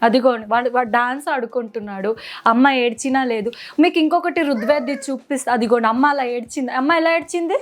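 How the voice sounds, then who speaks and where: High-voiced young mother in playful baby talk. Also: a little fast. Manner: playful sing-song baby talk to a toddler. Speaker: mother and vlogger. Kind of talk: casual home vlog with her toddler.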